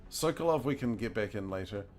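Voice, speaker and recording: A gaming streamer with a New Zealand accent chats casually and thinks aloud while playing a video game, chuckling often. His voice sits on the low side, with a darkish tone and an animated, brisk delivery. Soft music plays in the background.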